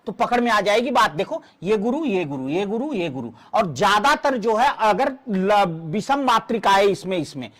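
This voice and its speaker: A man teaching a Hindi exam-prep class, explaining verse meter slowly and counting syllables aloud for his students. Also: sits high, big pitch swings, a bit bright.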